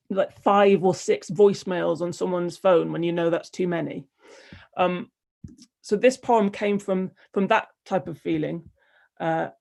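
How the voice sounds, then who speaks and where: A woman poet reading her poems aloud in a measured, wry delivery, with hesitant, rambling asides between them. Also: fairly low pitch, darkish tone. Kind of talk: poetry reading with spoken asides.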